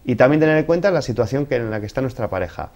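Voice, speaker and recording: A man's voice: medium pitch, lively intonation, very fast, darkish tone, muffled recording. A man from giving relationship advice in an interview, explaining things didactically through examples.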